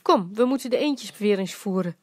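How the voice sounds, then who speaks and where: A woman's voice: mid-range voice, expressive, moderate pace, darkish tone, no echo, lightly acted. A woman reading as a teasing old grandpa. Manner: dry joking, rhyming quips. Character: playful dying grandfather, old man, teasing.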